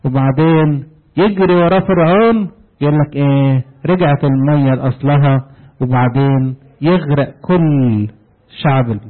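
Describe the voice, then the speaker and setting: A man's voice: a little high, moderate pace. A man preaching a sermon in an Egyptian Arabic accent, retelling dialogue and asking the congregation fill-in questions. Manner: asks the congregation fill-in questions ending in "what?"; animated storytelling, retelling dialogue. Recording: narrow tinny phone-like sound.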